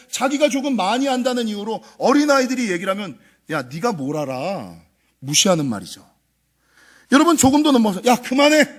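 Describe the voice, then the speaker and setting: Male pastor, Sunday sermon, high and lively delivery, acts out quoted parents. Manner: animated preaching, acts out scolding parents' voices; asks the congregation questions and answers them. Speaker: senior pastor. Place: church sanctuary.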